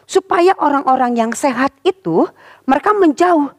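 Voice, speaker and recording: A woman tells a Bible story to children at church with a high, bright voice that swings widely in pitch. She is lively and expressive and keeps asking the kids questions. The sound is close and dry. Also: normal speed, no room sound. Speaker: children's Sunday school teacher.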